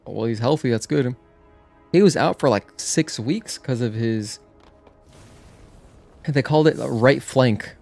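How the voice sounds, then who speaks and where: With video game music in the background, a livestreamer with a medium-pitched, darkish voice casually comments on his gameplay. His chat with viewers rambles and keeps stopping so he can react and answer them.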